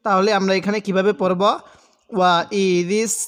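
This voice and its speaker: A man teaching Quran reading, spelling out syllables and drawing them out slowly when reciting, with patient step-by-step explanations. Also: sits high, little pitch movement, big-room sound.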